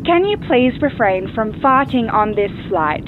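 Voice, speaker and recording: A woman's voice: sing-song, a little slow. A woman playing a blunt, fed-up flight attendant giving a formal cabin announcement over an intercom in a comedy sketch. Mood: politely firm. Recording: tinny intercom sound, loud cabin rumble.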